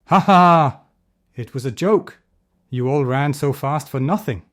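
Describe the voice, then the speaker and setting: A man voicing a playful, mischievous young shepherd boy in a children's storybook, shouting in a raised voice. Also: normal speed, dry recording, studio quality, natural voice. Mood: laughing. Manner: shouting, giggling, high-pitched.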